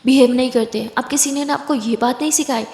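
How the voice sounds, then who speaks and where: A woman's voice: high-pitched, fairly even intonation, fast, darkish tone. A woman voicing a bitter, defiant young female gangster who talks curtly and with scorn. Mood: scornful. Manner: curt, scornful. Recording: echoey room with long reverb.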